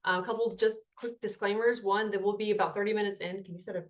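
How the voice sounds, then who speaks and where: A woman hosting a casual live group coaching call over video, excitable, laughing at her own slips and swearing freely. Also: mid-range voice, fast.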